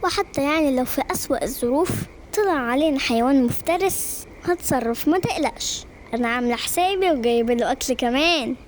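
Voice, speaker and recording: A woman voicing a teasing, confident older sister in an animated story, reassuring her brother. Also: high-pitched, fast talker, a little hiss or hum.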